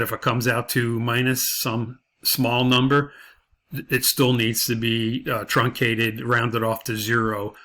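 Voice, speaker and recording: Speaking at medium pitch with a pushed, bright quality, a male instructor gives an off-the-cuff spreadsheet tutorial. He explains step by step and rephrases his points as he goes.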